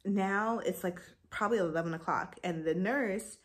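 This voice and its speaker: A young woman vlogger casually recounting her labor story, animated and jumping high in pitch when she retells her frustration. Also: moderate pace.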